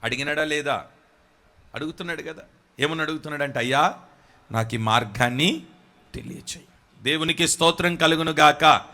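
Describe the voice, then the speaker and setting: A man's voice: a little high, moderate pace, long pauses, sharp tone. A male pastor giving a Bible study sermon, telling the story dramatically and urging the congregation to say it aloud.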